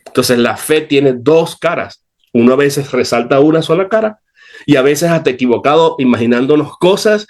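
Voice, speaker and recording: Earnest male Bible teacher, emphatic preacherly delivery, mid-pitched conversational voice.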